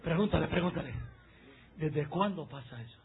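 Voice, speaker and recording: A man preaching a sermon as pastor, fiery and mocking, swinging up into shouts. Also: fairly high pitch, moderate pace, narrow, tinny audio, a little hiss or hum. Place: church service.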